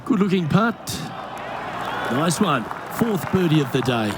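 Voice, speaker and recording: A man calling golf shots as play-by-play commentator, measured and handing over to his colleagues. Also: a little high, sing-song, a crowd in the background, noisy background. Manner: measured, calls each shot and hands over to colleagues. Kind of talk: sports commentary.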